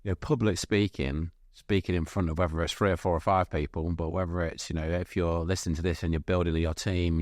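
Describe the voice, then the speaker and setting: Deep-voiced enthusiastic podcast host. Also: male voice, a little mellow, no room sound, clean studio sound. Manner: enthusiastic, rambling with many restarts. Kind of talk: casual interview chat.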